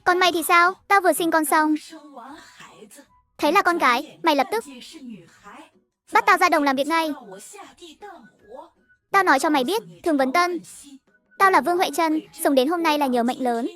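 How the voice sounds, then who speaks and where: A woman's voice: extremely high pitch, moderate pace, pauses often, faint music behind. A woman voicing a furious old wife scolding. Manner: shouting insults, scolding. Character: fierce elderly wife fighting back.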